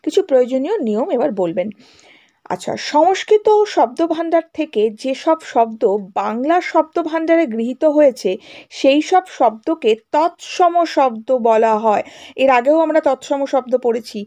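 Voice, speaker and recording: A woman teacher leads schoolchildren through a grammar lesson, explaining and repeating each rule and checking in after every point with "right?" and "okay?". Her high voice has a soft, mellow tone, animated and at normal speed.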